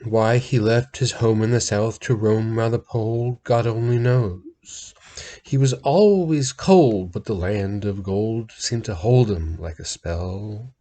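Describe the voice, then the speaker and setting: A man with a lowish, dark voice reads a narrative ballad slowly and theatrically. His dramatic storytelling swells and drops sharply in intensity as the tale unfolds.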